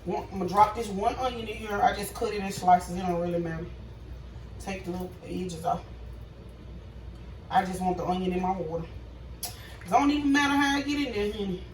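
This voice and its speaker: A woman's voice: mid-range voice, fairly quick, long pauses, slight background noise. A woman hosting a casual cooking vlog in her home kitchen, chatting to viewers. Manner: chatty, talks to viewers as y'all. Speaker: cooking vlogger. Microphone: phone camera. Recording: echoey kitchen, phone mic at a distance.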